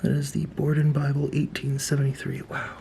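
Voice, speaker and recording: A man giving a casual vlog tour in a hushed, low-key way that often drops toward a whisper, speaking indoors as an investigator and host. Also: completely flat delivery, a little fast, creaky, a little hiss or hum. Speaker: paranormal investigation vlogger, host. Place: indoors in an old house.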